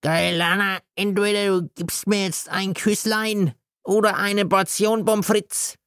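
A narrator putting on a drunk, slurring man who wheedles and begs for food, voice raised somewhat and gravelly. Read slowly in a dry, close recording for an audiobook. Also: high voice, steady tone, fairly bright tone, no room sound, pitched above the performer's own voice. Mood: wheedling. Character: drunk scruffy man called God.

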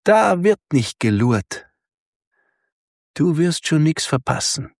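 A man voicing a teasing young woman, speaking in a soft whisper. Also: on the high side, very animated, slow pace, no echo, clean studio sound, voice pushed up, heavily acted.

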